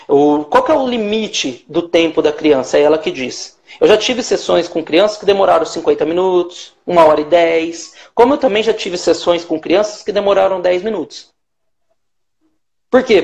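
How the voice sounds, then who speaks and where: A man's voice: high voice, vocal fry, darkish tone. A Brazilian man, a hypnotherapist, explaining his methods emphatically in a live-stream interview. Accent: Brazilian Portuguese. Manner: explanatory, emphatic, acts out short quoted lines. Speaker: hypnotherapist guest.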